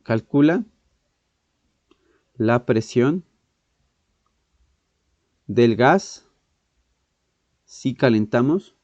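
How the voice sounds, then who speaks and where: Man, Mexican accent, physics teacher, halting, self-correcting, mellow voice, dry room. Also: mid-range voice, animated, no echo. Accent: Mexican Spanish. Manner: thinks aloud, halting, self-correcting, frequent "¿ok?" and throat clearing. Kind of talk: exam-prep lesson working through problems. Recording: muffled, dull sound in a dry room.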